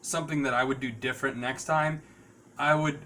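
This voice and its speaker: A man hosting a casual, unscripted podcast, rambling and halting as he repeats words and addresses viewers. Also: mid-range voice, steady tone, bright, forceful tone, a little hiss or hum. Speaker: podcast host.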